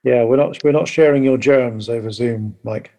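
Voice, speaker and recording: A man hosting a podcast over a video call, talking casually and haltingly with many pauses. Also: mid-range voice, warm tone. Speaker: podcast host.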